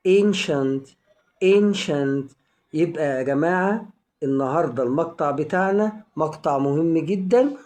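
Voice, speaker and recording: A man with an Egyptian Arabic accent giving an online pronunciation lesson, speaking directly to viewers and repeating English words slowly and carefully. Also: fairly high pitch. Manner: friendly, addresses viewers directly. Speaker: English teacher.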